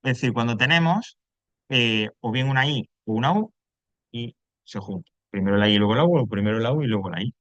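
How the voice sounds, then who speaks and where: A man's voice: mid-range voice, animated, a little fast, a bit bright, no echo. Andalusian man as a class teacher, patient explainer who keeps checking the students follow; dull, dry sound. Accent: Andalusian Spanish. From Andalusia, Spain.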